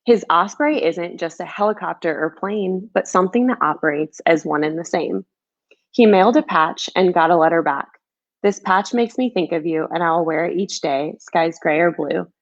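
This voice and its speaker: A children's book author reads a rhyming storybook aloud and then shifts into casual chat. Her voice is fairly low and moderately paced, and the audio sounds dull.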